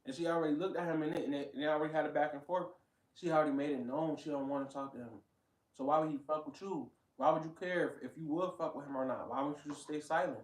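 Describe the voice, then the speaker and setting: A man rants in blunt, profane bursts as he reacts to a clip. His voice sits somewhat high. The room around him rings with echo. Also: steady tone, fast talker, distant mic. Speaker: reaction commentator. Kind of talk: casual commentary.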